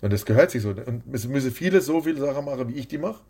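A man's voice: medium pitch, expressive, very fast, warm tone, husky. A man who is a boxing promoter, talking bluntly and rambling as the guest in an interview. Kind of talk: casual interview.

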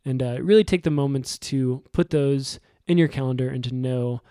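Man co-host, reflective, mid-pitched, dry close mic. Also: normal speed, smooth, dry recording. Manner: reflective, warm, repeats words when starting. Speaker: podcast co-host. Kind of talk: casual faith podcast chat.

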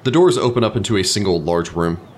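A man narrating as game master of a tabletop game, describing scenes in a relaxed way with many fillers. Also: on the low side, quick pace, a little hiss or hum.

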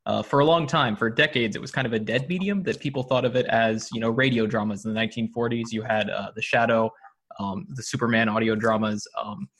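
An American man appearing as a podcast guest, an audio drama producer, talks casually and explains things articulately. His voice is medium in pitch and a bit bright.

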